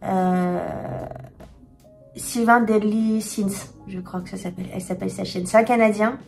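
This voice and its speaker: A woman chatting candidly to camera as a tarot reader, talking frankly and often pausing to search for words. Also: medium pitch, steady tone, a little mellow, soft background music. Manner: hesitant, many filler pauses, frank and confiding. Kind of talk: candid casual vlog chat.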